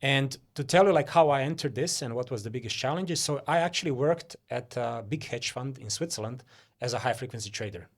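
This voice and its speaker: A man's voice: mid-range voice, brisk. A Croatian-born man talking casually as an interview guest, with many fillers and restarts.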